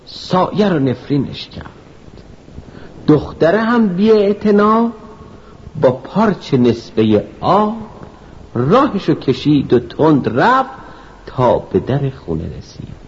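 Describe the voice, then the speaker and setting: A man narrating a children's story in rhyming verse, telling it with lively storytelling. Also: a little high, pauses often, slight background noise. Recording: dull lo-fi recording, faint music.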